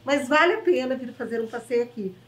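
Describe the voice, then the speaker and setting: A bubbly woman TV host with a Gaúcho accent and a bright, high voice, gushing and chatty, constantly checking in with "né?". She sounds a bit away from the mic, in an echoey shop. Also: expressive, a little fast, distant mic, a little hiss or hum. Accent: Gaúcho Brazilian Portuguese. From southern Brazil. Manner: effusive, chatty, keeps asking "né?". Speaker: TV show host. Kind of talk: enthusiastic on-location interview. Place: inside a small shop.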